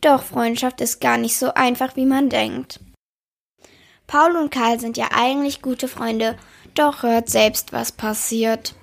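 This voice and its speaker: A woman's voice: fairly high pitch, steady tone, slow pace, vocal fry. A woman hosting a book reading, introducing passages in a friendly, explaining way. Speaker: host.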